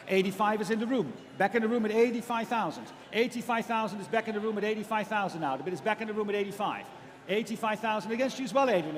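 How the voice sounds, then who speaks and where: A man working as an auctioneer, calling bids in rapid repeated figures and politely prompting bidders. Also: sits high, in a large hall. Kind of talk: live auctioneer's bid calling. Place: large auction room.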